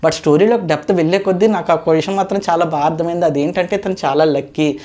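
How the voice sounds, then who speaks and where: A woman's voice: lowish voice, quick pace, mellow. A woman chatting casually through a reality show episode review, re-enacting contestants' lines as she goes.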